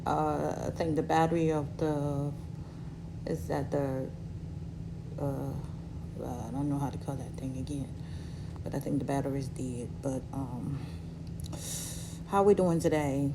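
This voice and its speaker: Cameroonian-born woman, 30s, slow and halting, lots of ums, recovering from surgery, low voice. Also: fairly even intonation, creaky, noisy background. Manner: slow, halting, with many fillers and restarts. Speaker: vlogger. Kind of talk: personal storytelling to camera.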